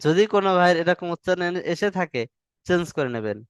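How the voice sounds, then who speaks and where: A man's voice: sits high, lively intonation, quick pace, clean tone, no room sound. A male teacher, patiently drilling Arabic letters in an online class and stretching the sounds long. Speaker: Quran reading teacher.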